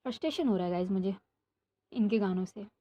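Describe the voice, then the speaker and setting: This storytelling vlogger is a young woman with a medium-pitched, mellow voice who talks fast with lively intonation. She rambles animatedly from her bedroom, chatting casually and then narrating a story for her channel. The recording is muffled, with a neighbour's music playing.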